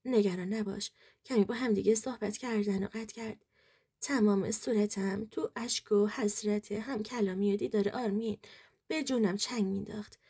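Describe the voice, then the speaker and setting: A woman's voice: mid-range voice, steady tone, warm tone, slightly rough. A woman narrating a true story in the first person, telling it in an earnest, emotional way.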